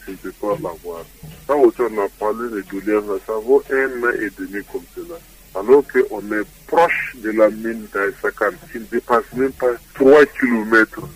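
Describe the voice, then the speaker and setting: Disguised man, voice altered by a voice changer. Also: fairly low pitch. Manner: halting, restarts and repeats words. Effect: voice altered by a voice changer for anonymity. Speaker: local resident and eyewitness. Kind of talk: phone interview testimony. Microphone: telephone. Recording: distant phone line with altered voice.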